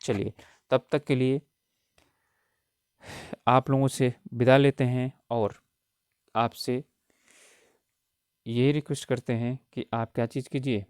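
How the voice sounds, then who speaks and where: A man's voice: medium pitch, little pitch movement, slow, pauses often, a little mellow, clean tone, no room sound, clean studio sound. A man giving an exam-prep grammar lesson, explaining patiently and repeating key points with frequent check-ins. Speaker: Hindi grammar teacher.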